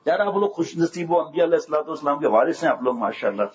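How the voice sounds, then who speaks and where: A man giving a sermon to students, telling humorous stories in a lively, joking way and chuckling as he goes. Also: on the high side, muffled recording, a crowd in the background. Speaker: religious speaker addressing students.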